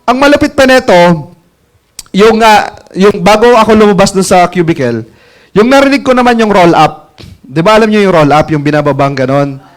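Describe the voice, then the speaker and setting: A man's voice: high-pitched, expressive, normal speed. A man telling a story to an audience in a chatty way, laughing often. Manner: chatty, laughs often, asks listeners "alam mo yung ganun?". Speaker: network marketing mentor telling a story. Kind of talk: casual storytelling talk to an audience.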